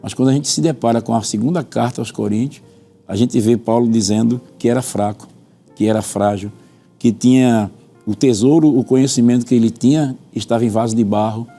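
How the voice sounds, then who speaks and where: On a religious TV panel, a Brazilian pastor teaches earnestly and expositorily in a warm, mid-range voice, a little fast, with a Brazilian Portuguese accent. He quotes scripture and repeats points for emphasis over soft background music.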